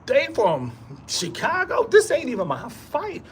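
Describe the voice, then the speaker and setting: A man delivers a rambling pep talk straight to the camera, hammering the same lines again and again in casual street slang. His voice swoops high and low, and a thin hiss of background noise runs beneath it. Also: huge pitch swings, measured pace. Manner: repetitive, emphatic, streetwise slang. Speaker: vlogger. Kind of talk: rambling motivational monologue.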